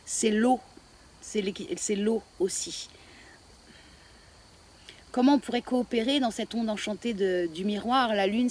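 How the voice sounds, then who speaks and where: A woman teaching Mayan astrology, talking in a reflective way and often pausing to search for words. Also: fairly high pitch. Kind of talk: spoken spiritual teaching.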